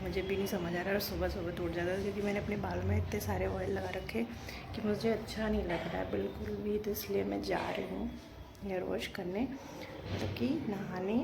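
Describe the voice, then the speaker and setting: Chatting to her baby while rambling through a home vlog, a young woman speaks in a mid-range, gravelly voice. She's filming in her bedroom with the door open, and heavy traffic from the street spills into the audio.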